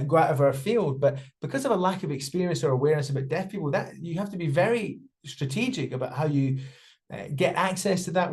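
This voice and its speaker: A sign language interpreter voices deaf panellists in a spoken interpretation of a panel discussion, heard over a video call. His fairly high, slightly mellow voice comes out halting, full of fillers and restarts as he keeps pace with the signers.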